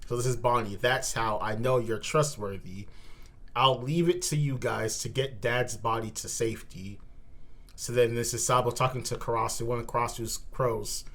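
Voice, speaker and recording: A male host reacts live to manga, reading the dialogue aloud and mixing in his own commentary. His middling-pitched voice shifts between slower reading and animated exclamations.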